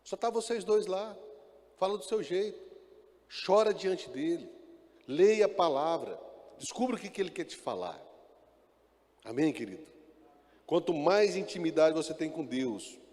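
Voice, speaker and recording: Man, pastor, lively sermon with joking asides, somewhat high voice, reverberant church hall. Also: unhurried, long pauses. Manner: calls out to the congregation, often asking "amen?". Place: church, before a congregation.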